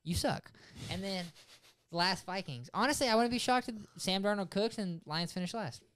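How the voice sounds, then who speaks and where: A man's voice: high voice, animated, moderate pace, a bit bright. A man in his twenties co-hosting a casual sports podcast, brash and argumentative, swearing often. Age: 20s. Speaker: podcast co-host.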